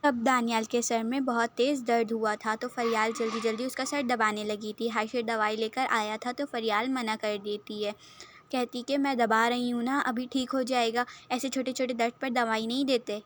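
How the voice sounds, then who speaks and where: A woman's voice: a little high, steady tone, slight background noise. A woman reading her own story aloud, chatting and explaining to her listeners.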